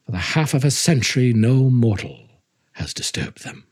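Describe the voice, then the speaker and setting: A man voicing a sinister, gloating murderer in a dramatic reading of a gothic horror tale, hushed and ominous. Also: medium pitch, very animated, normal speed. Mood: grim, confessional.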